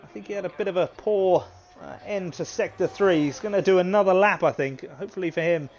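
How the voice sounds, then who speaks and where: A man giving live commentary on an online racing league, excitable and chatty with plenty of fillers. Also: sits high, brisk. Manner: excitable, chatty, British turns of phrase, frequent fillers. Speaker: race commentator.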